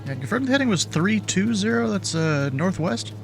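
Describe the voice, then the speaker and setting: A man acting as a pilot on a flight simulator network, talking over a cockpit headset mic and reading back clearances in radio phrasing. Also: high voice, lively intonation, moderate pace, faint music behind. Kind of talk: radio calls in aviation phrasing.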